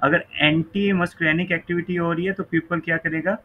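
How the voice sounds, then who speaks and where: A man's voice: a little high, steady tone, moderate pace, narrow, tinny audio. A man giving an online physiology lecture who mixes Hindi-Urdu and English, asks students questions and keeps checking "ok, right?".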